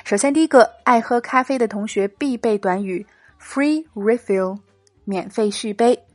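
A woman hosts a scripted English lesson, reading short dialogues and explaining phrases in Mandarin. Her voice sits fairly high. It is recorded close and dry, with no room sound. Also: a little slow, dry recording, faint music behind. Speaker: English teacher, host.

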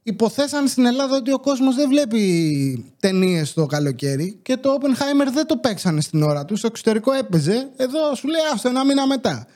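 Young guy podcasting from home, pretty high voice, chatty and animated, acts out the back-and-forth. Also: few pauses. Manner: animated storytelling, acting out dialogue with shifting pitch. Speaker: podcast host. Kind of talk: casual podcast chat.

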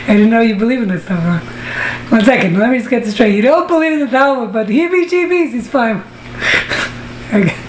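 With background noise in the mix, a US woman teaches an online Talmud class and banters playfully with the group. Her voice runs on the high side, with lively intonation and a slightly fast pace.

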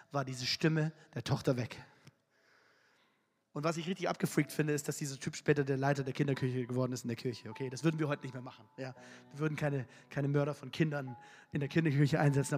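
Emphatic man preaching in a big hall. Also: on the high side. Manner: emphatic, colloquial storytelling. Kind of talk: sermon. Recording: echoey hall, faint music.

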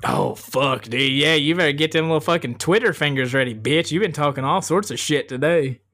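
A man's voice: a little high, a little fast, pushed and bright. A man co-hosting a podcast in casual, profane banter, jokey and full of slang. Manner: slangy, jokey, swears freely. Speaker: podcast co-host.

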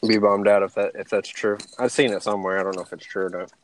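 A man's voice: fairly low pitch, quick pace, slight background noise. A young man hosting a casual podcast about fighting, telling stories with lots of swearing and laughter. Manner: animated storyteller, swears freely, laughs often. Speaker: podcast host.

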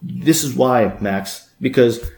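A man lectures his listener with blunt, scolding advice, often stumbling over repeated words as he pushes his point. His voice sits at an ordinary middle pitch. The sound carries a noticeable room echo. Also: slow, vocal fry, a little mellow. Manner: harsh, scolding, lots of stammered repeats. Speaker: dating podcast host. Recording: echoey room.

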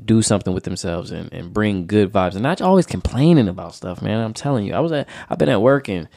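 Gravelly young man co-hosting a podcast. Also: lowish voice, animated, fast, mellow, dry recording, studio quality. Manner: upbeat, encouraging, joking. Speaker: podcast co-host. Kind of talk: casual chat.

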